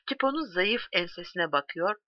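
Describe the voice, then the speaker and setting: A woman reading a novel aloud in a measured, expressive way. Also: lowish voice, no echo, lo-fi sound. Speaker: audiobook reader.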